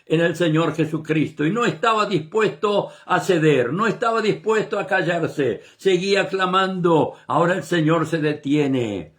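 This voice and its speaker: A man's voice: fairly high pitch, animated, measured pace, few pauses. A man preaching a sermon in Argentine Spanish, reading a passage and retelling it with emphatic rises and drops. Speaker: pastor.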